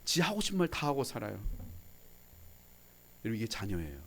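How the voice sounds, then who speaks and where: A man's voice: medium pitch, wildly swooping pitch, a little fast, creaky, a bit bright. A man in his thirties preaching a revival sermon as a pastor, telling stories about his son and quoting them in dialogue, and joking with the congregation. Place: church sanctuary.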